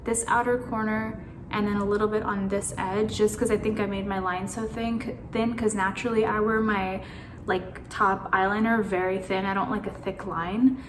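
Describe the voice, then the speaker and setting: A beauty vlogger chats casually on a phone camera, anxious and rambling, with occasional swearing. Her mid-range voice has little pitch movement and a normal speed, captured in an echoey room with background noise.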